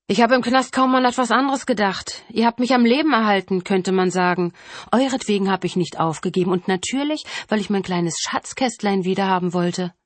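A woman's voice: mid-range voice, brisk, no room sound, lightly acted. A woman voicing a grown male killer who sneers and taunts, savoring his power, in a dry, close reading. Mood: taunting.

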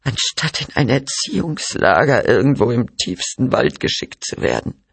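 A man's voice: mid-range voice, very animated, normal speed, vocal fry, a bit bright, slightly rough, dry recording, voice pushed up, heavily acted. A man voicing a frail, distraught mother who lashes out in bitter, breathless accusations. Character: frail distraught mother, middle-aged woman.

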